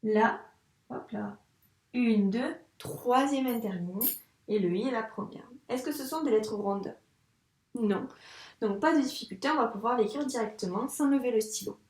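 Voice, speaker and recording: A primary school teacher, a woman, guiding a young child through a handwriting lesson in a patient, encouraging way, saying each sound slowly as she writes. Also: a little high, a little mellow. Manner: says sounds slowly while writing. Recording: echoey room, mic at a distance.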